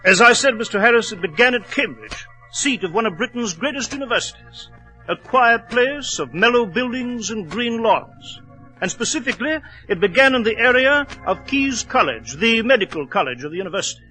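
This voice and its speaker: High-pitched, genial British Doctor Watson. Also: male voice, animated, moderate pace, sharp tone, full character voice, poor audio. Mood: storytelling. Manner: courteous, formal. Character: genial British doctor recounting detective memoirs. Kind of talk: 1940s radio drama storytelling. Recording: old radio broadcast, faint music behind.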